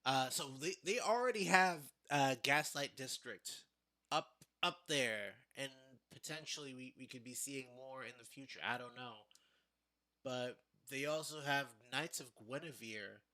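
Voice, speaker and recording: A tired man hosting a casual reaction livestream, speaking haltingly and often repeating words. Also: medium pitch, sharp tone. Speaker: livestream host. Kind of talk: casual trailer reaction stream.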